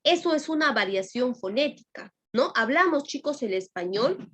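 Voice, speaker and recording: Her voice is high-pitched and fairly bright with a breathy edge and lively intonation, at normal speed. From Peru, this teacher lectures in Lima Peruvian Spanish, addressing students directly. She frequently tosses in "¿no?" and "¿ya?" to check on them.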